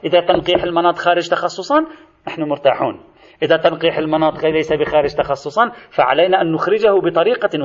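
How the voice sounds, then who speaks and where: A man delivers a seminary-style lecture in a quick, higher-pitched voice, explaining points in order and turning to his students as he goes. The recording is dull and lo-fi. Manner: explanatory, addresses students directly.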